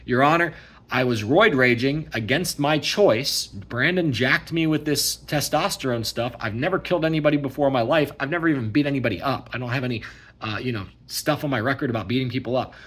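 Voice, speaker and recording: Casting: a man doing an earnest defendant begging the court, husky voice. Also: medium pitch, fairly quick, fairly bright tone. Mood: pleading. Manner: pleading, earnest. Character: adult male defendant pleading before a judge.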